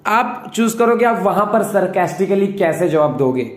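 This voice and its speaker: A man's voice: sits high, lively intonation, normal speed. A young man hosting a casual talk, explaining things and constantly checking in with his listeners. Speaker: host explaining a topic. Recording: echoey room.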